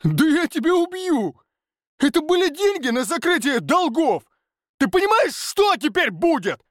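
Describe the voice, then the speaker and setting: Audiobook: a man playing a hysterical shouting partner, strained high yells, dry room. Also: huge pitch swings, slow, no echo, exaggerated voice. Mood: enraged. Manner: yelling, hysterical. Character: furious shouting male business partner. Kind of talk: audiobook narration.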